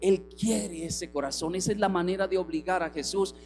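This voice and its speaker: A man preaching a sermon as a pastor. He acts out the figures he quotes and swings between strong calls and soft, hushed passages. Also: sits high, moderate pace. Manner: preaching with acted quotes, rising and dropping to soft tones. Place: church hall. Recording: reverberant hall with music.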